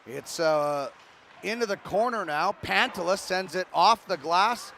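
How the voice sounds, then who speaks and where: A man calling live hockey play-by-play, brisk and rising with the action. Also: high-pitched, vocal fry, bright, forceful tone, a little hiss or hum. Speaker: play-by-play commentator.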